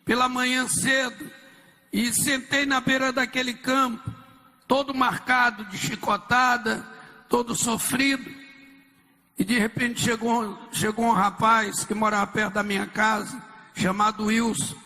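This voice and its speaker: A man, a pastor, telling his life story in an intense, emphatic sermon-style testimony with dramatic pauses. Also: very high-pitched, level tone, bright, forceful tone, in a large hall, poor audio.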